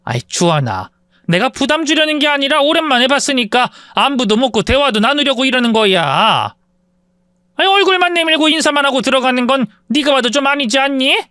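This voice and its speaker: A man's voice: extremely high pitch, sing-song, fairly quick, pushed and bright, smooth, dry recording, clean studio sound, voice pushed up, exaggerated voice. A man voicing a fretful middle-aged mother. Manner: pleading, fretful.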